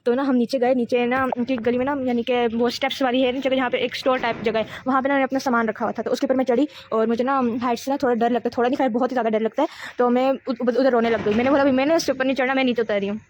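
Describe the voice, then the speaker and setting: A woman's voice: a little high, steady tone, very fast, a little mellow, lo-fi sound, slight background noise. A teenage girl telling a rambling, giggly storytime in a casual vlog. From Pakistan. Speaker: vlogger.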